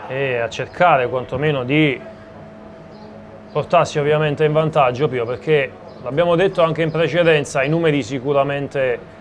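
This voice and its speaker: A man's voice: on the high side, normal speed. A man giving live play-by-play commentary on a football match. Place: outdoor stadium commentary position. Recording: noisy live stadium sound.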